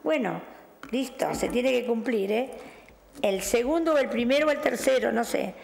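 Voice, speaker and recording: Gravelly Rioplatense woman reading tarot. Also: on the high side, lively intonation, normal speed, a little mellow, a little hiss or hum. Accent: Rioplatense Spanish. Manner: affectionate, chatty, calls caller "mi cielo", "querida". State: recovering from losing her voice. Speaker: tarot reader hosting a show. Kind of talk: on-air fortune-telling reading.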